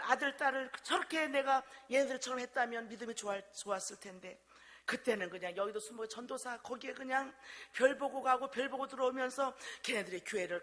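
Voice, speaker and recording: A woman's voice: high voice, a bit bright. An older woman pastor preaching emphatically, calling out hallelujah and prompting her congregation, in a reverberant church hall. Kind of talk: sermon.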